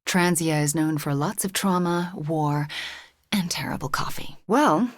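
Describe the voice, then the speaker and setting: A woman's voice: deep voice, measured pace, no room sound, studio quality. An earnest guilt-ridden witch heroine, Scarlet Witch. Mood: wry. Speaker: video game voice actor. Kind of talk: scripted video game voice lines.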